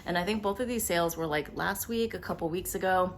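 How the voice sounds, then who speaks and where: Woman, low-pitched, casual haul vlogger; quick, upfront delivery at home with faint background noise. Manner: chatty, upfront, talking quickly to camera. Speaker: beauty vlogger. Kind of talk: casual product haul vlog. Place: at home with windows open. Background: faint household noise, dog walking around.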